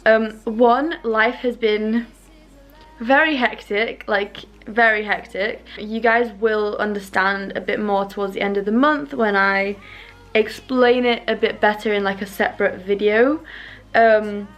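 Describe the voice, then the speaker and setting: A woman's voice: mid-range voice, fairly even intonation, a little slow, rough recording. A young woman talking casually and chattily like a fitness vlogger, rambling a little and repeating words for emphasis. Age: young adult. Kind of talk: casual chatty vlog and workout voiceover.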